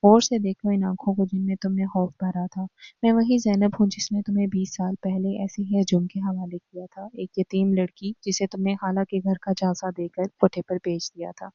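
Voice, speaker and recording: A woman's voice: mid-range voice, no room sound, dull audio, close to an everyday voice. A woman voicing a cold, vengeful woman. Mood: accusing. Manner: flat, cold, bitter delivery. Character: cold, bitter, vengeful middle-aged woman.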